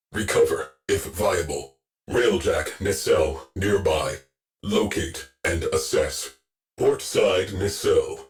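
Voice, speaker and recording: A deep-voiced male ship AI in a sci-fi game delivers a scripted mission briefing as mission control and ship intelligence. He's a stern, weary war veteran haunted by loss, speaking unhurriedly in a clipped, terse, grave and solemn military manner.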